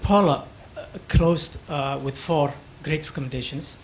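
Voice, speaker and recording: Brief: man from Somalia, audience question, halting and earnest, slightly high voice, faint room hiss. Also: fairly even intonation, low-quality recording. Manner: halting, many fillers, earnest. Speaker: audience member asking a question.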